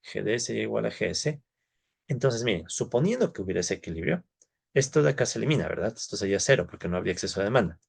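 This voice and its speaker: Lecturing informally on economics at a university, an Ecuadorian man talks fast and expressively in a fairly low, creaky voice that is a little mellow with a breathy edge. His style is conversational, he reasons aloud, and he often tosses brief tag questions to his students.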